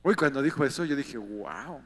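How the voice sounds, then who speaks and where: A Mexican man preaching a sermon from the pulpit, his voice pitched high for a man. He speaks conversationally and keeps turning to the congregation with rhetorical questions. Long reverb trails each phrase, as if he is recorded in a large church hall. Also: moderate pace, fairly bright tone. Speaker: pastor.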